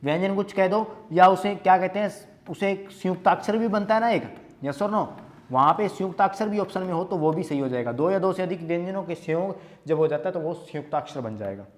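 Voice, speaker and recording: A man's voice: sits high, brisk. Man teaching, answering his own questions. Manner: asks questions and answers them himself, repeating key terms. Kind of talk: Hindi grammar lesson, solving quiz questions.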